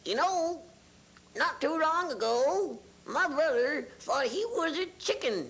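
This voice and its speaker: A woman's voice: high-pitched, expressive, slow, a bit bright. A woman performing a ventriloquist act, trading jokes in stage banter.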